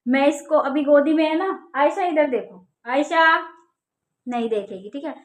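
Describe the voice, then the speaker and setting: A high-pitched woman from India, chatting casually through a family vlog as a mother. She talks straight to her viewers and now and then scolds her child in exasperation. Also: lively intonation, moderate pace. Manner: chatty, addresses viewers directly. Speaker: vlogger and mother.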